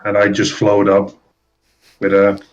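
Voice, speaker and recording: Man, lowish voice, tabletop player, casual joking chat, slightly muffled lo-fi recording, music behind. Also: monotone, unhurried. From United States. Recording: slightly dull, lo-fi sound.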